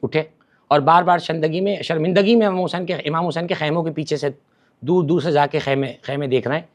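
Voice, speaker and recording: Dramatic, higher-voiced male religious scholar. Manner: dramatic, swings between forceful and hushed; repeats words for emphasis. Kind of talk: emotive storytelling in a podcast interview.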